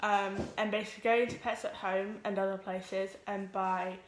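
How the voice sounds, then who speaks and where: Teen girl chatting nervously to camera, lots of ums, middle pitch, echoey room. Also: level tone, a little hiss or hum. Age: teens. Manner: nervous, talks quickly with many ums. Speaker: vlogger. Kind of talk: casual vlog introduction. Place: home room with pets.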